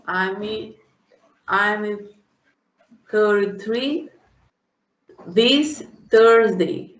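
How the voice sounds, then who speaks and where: A woman's voice: medium pitch, drawn-out words, reverberant, muffled recording. A woman with a Brazilian Portuguese accent, a native Portuguese speaker, carefully repeating English phrases as a student and restarting words. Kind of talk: repeating drills in a private lesson.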